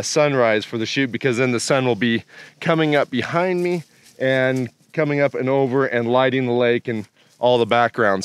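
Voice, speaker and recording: A man in his thirties chatting casually outdoors by a lake, relaxed and rambling with plenty of fillers, recorded on a camera mic. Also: medium pitch, clean tone, no room sound. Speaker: outdoor photography vlogger. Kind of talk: casual on-location vlog talk.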